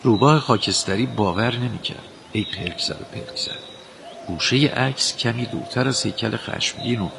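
A man's voice: fairly low pitch, vocal fry. A man narrating a children's animal story expressively. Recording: steady background hiss and noise.

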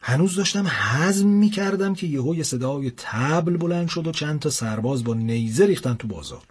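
A young man narrating a comic first-person adventure in a casual, lively storytelling manner. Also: fairly high pitch, slightly rough. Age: young adult.

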